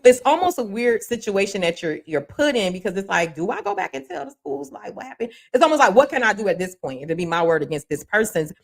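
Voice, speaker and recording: A young woman from Miami hosting a podcast, talking candidly and bluntly about her school days, swearing freely with animated rises in pitch. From Miami, Florida. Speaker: podcast host. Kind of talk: casual commentary monologue.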